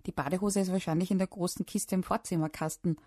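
Woman doing a calm, practical mum. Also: on the low side, fast talker, no echo, studio quality, close to an everyday voice. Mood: patient. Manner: calm, organizing, gently firm. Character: patient, practical mother, calm and sensible.

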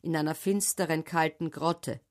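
A woman's voice: low-pitched, steady tone, normal speed, lightly acted. A woman voicing a poor old male beggar who speaks humbly and pleadingly in a storybook reading. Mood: humble.

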